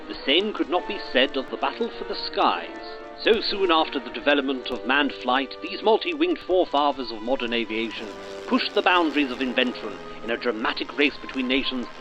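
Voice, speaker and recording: A man reading a scripted game review in a dramatic, documentary manner. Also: mid-range voice. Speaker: review narrator. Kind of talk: scripted narration. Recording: dull voice-over with music bed.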